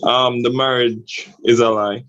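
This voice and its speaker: A man in his twenties with a deep voice and a mature, measured way of speaking. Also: level tone, fairly bright tone, no room sound. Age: 20s. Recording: dull lo-fi online call audio.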